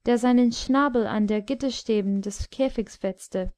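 A woman voicing a calm male courtier in an audiobook, matter-of-fact. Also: on the high side, normal speed, no room sound, close to an everyday voice. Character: calm courtier at royal table, man.

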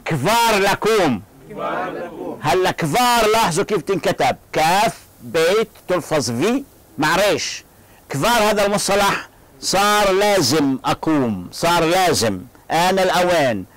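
A man with a fairly high voice leads a classroom language lesson. He drills short phrases slowly and has his students repeat them. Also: expressive, a bit bright, low-quality recording. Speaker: language teacher. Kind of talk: classroom lecture.

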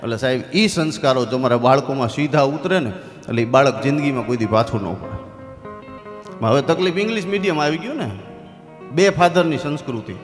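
A man with a Saurashtra Gujarati accent telling comic stories on stage before a live audience. He is animated and jumps into other people's voices. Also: mid-range voice, a little fast. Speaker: comedian and storyteller. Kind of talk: live folk-stage comedy storytelling. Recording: live hall with long reverb and faint music.

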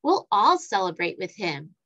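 A woman's voice: mid-range voice, big pitch swings, moderate pace, muffled recording, pitched below the performer's own voice. A woman doing a cheerful young train driver. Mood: playful. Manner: bright, friendly greetings.

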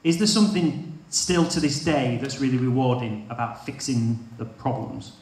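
A man's voice: medium pitch, animated, moderate pace, a little mellow. A man interviewing a guest on stage, asking eager, rambling questions with hesitations. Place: large expo hall stage. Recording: echoey hall mic heard from a distance.

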